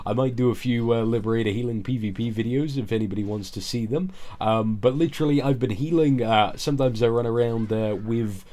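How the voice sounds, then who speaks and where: Groggy, mellow man doing game commentary. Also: mid-range voice, brisk, hardly any pauses. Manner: explanatory, informal. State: ill, groggy. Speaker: gaming video creator.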